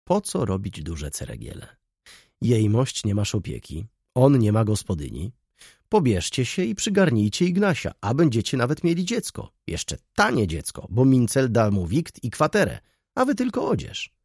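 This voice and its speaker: A man's voice: mid-range voice, huge pitch swings, normal speed, creaky, darkish tone, slightly rough, dry recording, studio quality, full character voice. A man voicing a gloomy older clerk who grumbles and complains about everything. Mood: persuading.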